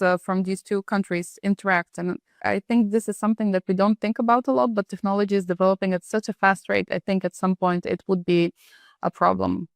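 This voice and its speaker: A woman's voice: mid-range voice, no echo. Female interviewer from Bulgaria, chatty and inquisitive, dry close sound. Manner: curious, conversational, uses fillers. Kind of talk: business interview.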